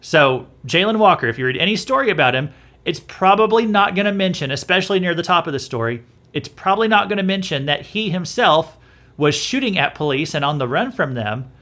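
Man host, bright tense tone, slightly higher voice, chatty opinion talk with restarts. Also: animated, brisk. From southern United States. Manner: conversational, repeats himself and restarts often. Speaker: podcast host. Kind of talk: opinionated commentary.

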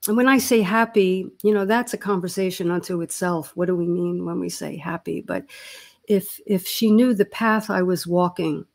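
A woman's voice: fairly low pitch, normal speed, creaky. Reflective woman in her sixties. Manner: reflective and earnest, searching for words. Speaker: podcast co-host and therapist. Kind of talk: casual podcast chat.

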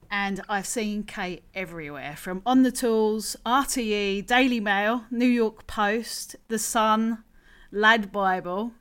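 A woman's voice: mid-range voice, a bit bright, clean tone. A woman hosting a casual interview podcast in a chatty, informal, rambling way. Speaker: podcast host, former crane operator.

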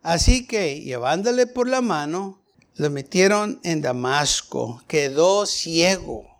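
A man's voice: fairly high pitch, animated, slow pace. A man preaching a Bible study sermon, going through the passage verse by verse and asking his listeners questions.

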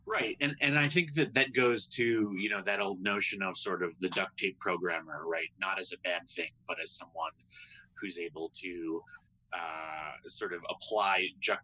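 A man who is a computer scientist, a guest on a podcast, answering in a thoughtful, measured way. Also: low voice, steady tone, bright, forceful tone, slight background noise, low-quality recording. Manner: thoughtful, measured, often asks "right?". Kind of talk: conversational interview answers.

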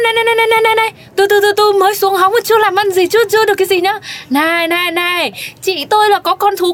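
A woman's voice: very high voice, fairly bright tone. A woman voicing a nosy, boastful young social media influencer in a comedic audio drama. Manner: chattery, boastful.

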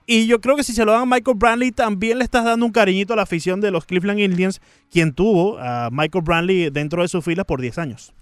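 Male panelist, high voice, playful and joking, dry studio sound. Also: a little fast, no room sound. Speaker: sports panelist. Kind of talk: studio sports talk.

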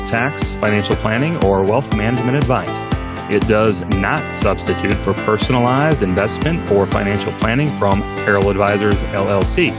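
A man reading a scripted legal disclaimer in a formal, steady manner. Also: fairly low pitch.

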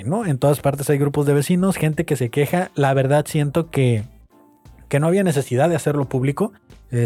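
A man's voice: mid-range voice, dark tone, dry recording. A young man with a Mexican accent, hosting a podcast and telling a story in a slangy, casual way with frequent exclamations. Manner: slangy, laughs and exclaims while retelling gossip. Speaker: podcast host.

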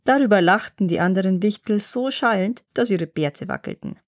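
A woman narrating a fairy tale as a storyteller, reading in an even, clear way. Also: mid-range voice, moderate pace, dry recording, studio quality.

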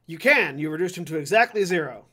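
A man's voice: on the high side, animated, quick pace, sharp tone, slightly rough. A man acting as game master, casually narrating a tabletop game and ruling on turns.

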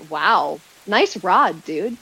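A woman's voice: medium pitch, sing-song, extremely slow, vocal fry, a crowd in the background, low-quality recording. A woman chatting and role-playing casually as a player in a tabletop game. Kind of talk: casual chat and role-play.

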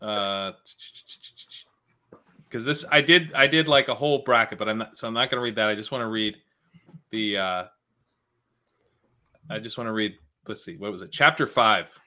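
Male co-host, low pitch, very bright sharp tone, quick and playful. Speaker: podcast co-host. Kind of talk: casual chat, reading his own story.

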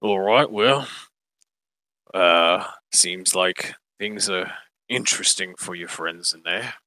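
A man's voice: sits low, takes it slowly, bright, forceful tone, no echo. A man running a tabletop game as game master, narrating loosely with many fillers.

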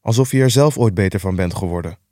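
A man voicing a grumpy, stingy old miser in an audiobook reading, with a curt, gruff and dismissive delivery. The recording is dry and close. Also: low-pitched, quick pace, mellow, no echo, close to an everyday voice. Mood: scornful.

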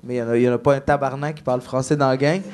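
This man, a non-native French speaker who learned it as a newcomer and now has a Québécois accent, races through stories as a comedian guest on a laid-back podcast. He voices the people he quotes at a medium pitch, with crowd noise and other background noise around him.

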